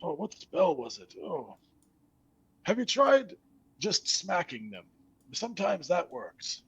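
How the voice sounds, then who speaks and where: A man voicing a confused, forgetful skeleton in a tabletop game, helpful but halting and trailing off. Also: high-pitched, wildly swooping pitch, a bit bright, breathy edge, dull audio, voice pushed up, exaggerated voice. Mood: muddled.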